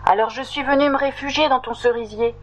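A woman voicing a tiny, fussy female creature in a storybook, high-pitched and indignant. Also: low-quality recording. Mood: pleading. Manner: high, indignant, drawn-out exclamations.

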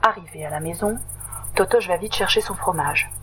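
A woman reading a children's story aloud in a gentle, unhurried way. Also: on the low side, faint music behind, low-quality recording.

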